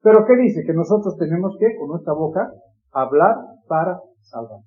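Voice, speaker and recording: A man with a fairly high, mellow voice, preaching in earnest and repeating himself as he pleads. The recording is dull and lo-fi. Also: lively intonation, moderate pace. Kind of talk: sermon.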